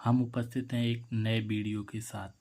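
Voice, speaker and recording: A man teaching English pronunciation in Hindi, in a slow and repetitive way, quizzing his viewers. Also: fairly low pitch, little pitch movement, darkish tone. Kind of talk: Hindi-medium pronunciation lesson.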